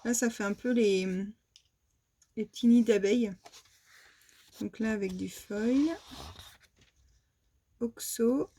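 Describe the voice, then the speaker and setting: A woman's voice: on the high side, steady tone, slow pace, long pauses, mellow. A woman from France presenting her shopping haul in a casual, hesitant way, with many fillers and restarts. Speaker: vlogger showing a shopping haul. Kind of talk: casual show-and-tell haul.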